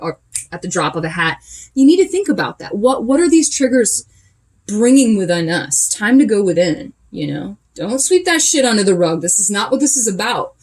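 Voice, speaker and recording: A woman's voice: mid-range voice, a little mellow, breathy edge. A woman giving a casual channeled tarot reading, chatty and emphatic, coaching her listeners directly. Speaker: tarot reader.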